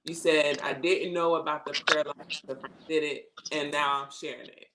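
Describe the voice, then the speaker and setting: A woman's voice: sits low, steady tone, moderate pace, background noise. A woman hosting a live podcast interview over a video call. She talks emphatically and repeats words for stress. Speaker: podcast host.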